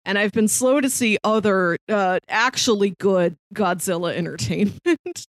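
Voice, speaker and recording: A woman in her thirties co-hosts a podcast, chatting casually in a playful, wry way. Her voice is medium-pitched and unhurried, and the recording is dry.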